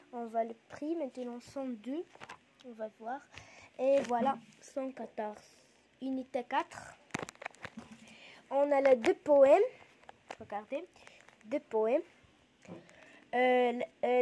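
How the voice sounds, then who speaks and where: A woman with a North African French accent, a schoolteacher reading a poem aloud to pupils slowly and deliberately, stopping to point out commas and full stops. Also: high-pitched, a little hiss or hum. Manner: slow and deliberate, pausing to point out punctuation; reads poem lines louder and more emphatic. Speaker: primary school teacher.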